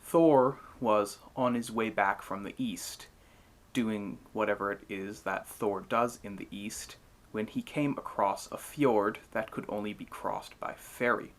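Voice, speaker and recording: A man's voice: on the low side, unhurried. A man giving scripted, explanatory narration in the manner of a storyteller. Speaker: narrator, mythology channel host.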